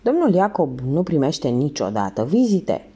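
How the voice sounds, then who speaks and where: A woman voicing a suspicious, gossipy female concierge who answers quickly and defensively. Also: low-pitched, sing-song, mellow, breathy edge, full character voice. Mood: indignant.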